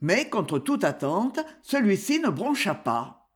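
An audiobook narrator reading an old crime novel in a measured, expressive storytelling manner. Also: medium pitch.

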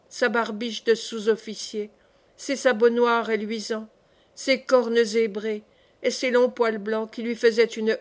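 A woman narrates a classic tale in an audiobook voice that sits fairly high. Her reading is expressive and measured, and she lingers over the story's asides to the listener. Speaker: audiobook reader.

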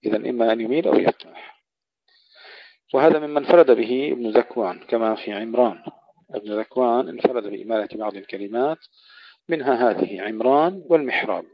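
A man gives a tajweed lesson in a gravelly, rough-edged voice. He explains variant readings and slows down to recite each example verse. The recording is dry and dull, like lo-fi audio. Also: mid-range voice, no echo. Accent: Arabic. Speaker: Quran recitation teacher.

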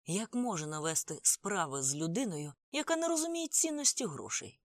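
An audiobook reader voicing a grieving older male crime boss, pleading and agitated in a raised, higher voice. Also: very animated, moderate pace, dry recording, clean studio sound. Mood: agitated lament. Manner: pleading, agitated, tearful speech.

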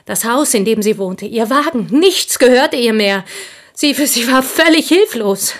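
With a slightly high female voice and lively intonation, an actress in a German radio drama portrays an intense, possessive village schoolteacher. She confides deliberately, often sinking toward a whisper, and sounds fervent and urgent.

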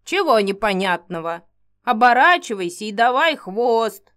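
Woman putting on a loud, scolding mad witch. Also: a little high, big pitch swings, unhurried. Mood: bossy. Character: grumpy eccentric female witch, bossy and impatient.

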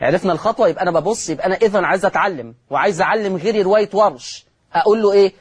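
Teaching Quran recitation on television, a man speaks in a high-pitched, husky voice with an Egyptian accent. He repeats each rule, answers his own questions, and eases into a slow chant for the example words.

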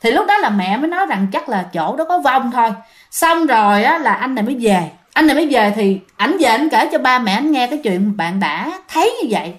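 A woman's voice: a little high, expressive, a little fast. A woman with a Southern Vietnamese accent telling ghost stories in a chatty style, speaking directly to her listeners. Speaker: storyteller host. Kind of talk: conversational ghost-story narration.

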